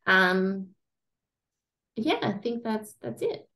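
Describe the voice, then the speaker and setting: A young Australian woman with an Australian accent, chatting casually as a guest coach in an interview, relaxed and self-deprecating. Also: mid-range voice, takes it slowly.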